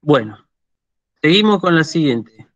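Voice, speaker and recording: Argentine guy teaching a class online, slow and patient, kinda muffled dry sound. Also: fairly high pitch, big pitch swings, no room sound. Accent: Argentine Spanish. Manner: patient, checks in with frequent "¿sí?". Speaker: university lecturer. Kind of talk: online lecture.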